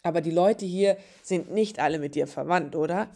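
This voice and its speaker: A woman voicing a gentle young pregnant woman in a storybook reading. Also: on the low side, moderate pace, natural voice. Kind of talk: storybook narration.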